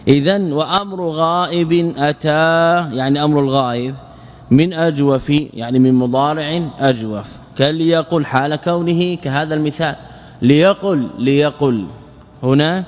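A man's voice: medium pitch, big-room sound. A man teaching a classical Arabic grammar lesson as an Islamic scholar, explaining step by step and repeating words and verse lines.

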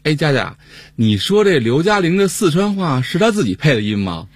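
一位男主持人用闲聊的方式说着广播段子，嗓音微哑。. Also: male voice, on the high side, very animated, moderate pace, husky, no echo. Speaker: radio show co-host. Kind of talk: scripted casual chat with jokes.

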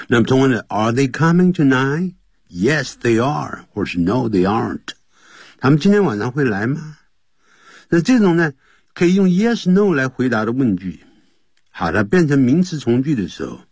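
A man teaching English grammar on a radio lesson, lively and jokey, acting out example dialogues. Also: on the low side, breathy edge, dry recording, studio quality. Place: radio studio.

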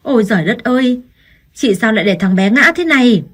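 A woman's voice: on the high side, expressive, a little fast, noisy background, lightly acted. Woman doing a spiteful scolding mother-in-law. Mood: furious. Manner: accusing, harsh.

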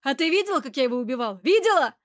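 A quick-tempered, foul-mouthed man, as a woman narrator puts him on for a crime audiobook. He barks and argues in a raised, rough voice. The voice sits fairly high and sounds dry and close. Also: sing-song, dry recording. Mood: yelling. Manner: shouting, coarse street talk. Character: rough, hot-tempered hunted man, loud and defensive.

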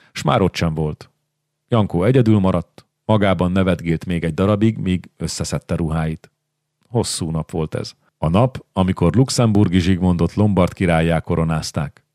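A man reading a historical novel aloud as audiobook narrator, with steady, measured storytelling. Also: deep voice, dry recording, clean studio sound.

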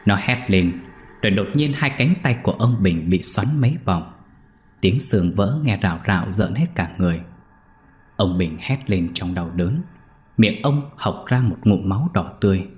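A man narrating a scripted ghost story in a steady, grave storytelling tone. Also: low-pitched, a little hiss or hum. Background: soft background music.

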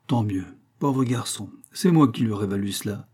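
A man reading aloud, voicing a desperate middle-aged farmer who breaks into anguished, loud outbursts. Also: lowish voice, normal speed, husky. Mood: frantic.

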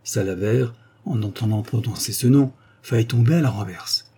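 A man narrating a novel as an audiobook in an even, measured reading. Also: on the low side, slightly rough.

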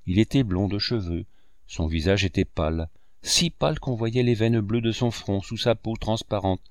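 A man narrating a classic novel in a measured storytelling manner. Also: on the low side, no room sound, studio quality. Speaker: audiobook narrator.

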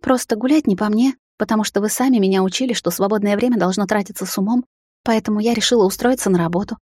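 A woman's voice: medium pitch, fast, dark tone, breathy edge, no room sound, pitched above the performer's own voice, close to an everyday voice. Woman voicing a shy young vampire maid, raised, breathless, pleading and near tears, dry storybook read. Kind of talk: audiobook character voice.

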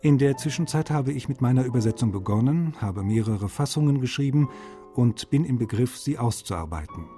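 In a lightly acted radio feature, a male actor portrays a polite, meticulous translator reading out formal letters with precision. The voice is mid-range, mellow and slightly husky, with lively intonation at a normal speed, over faint background music.

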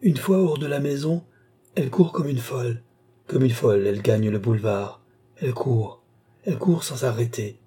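A man reading the part of an entranced young woman who describes a distant vision in halting phrases, in an audiobook reading. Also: medium pitch, mellow, slightly rough, lightly acted. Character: entranced young woman seer, wide-eyed and fearful.

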